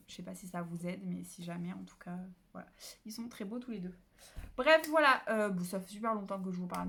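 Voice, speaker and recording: A woman talks casually about books into her phone at home. She rambles, stops herself with fillers and corrects her own numbers as she goes. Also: medium pitch. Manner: chatty, rambling, many fillers and self-corrections. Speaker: book vlogger. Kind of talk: casual chat.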